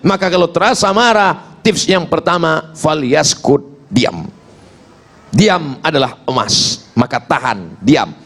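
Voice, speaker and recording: Animated high-pitched male preacher. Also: slow pace. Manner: animated, swings from soft to shouting, jokes with the audience. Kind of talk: humorous sermon to a congregation.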